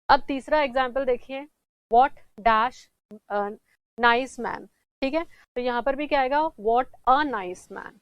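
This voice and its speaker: A woman teaching English grammar in a classroom-style lesson, asking questions and answering them herself, repeating examples slowly. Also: fairly high pitch, clean tone, no room sound, rough recording.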